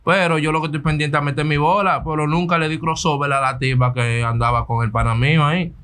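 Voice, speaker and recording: A man's voice: on the high side, steady tone, quick pace, fairly bright tone. A man, a podcast guest telling a story in casual chat, laughing through it.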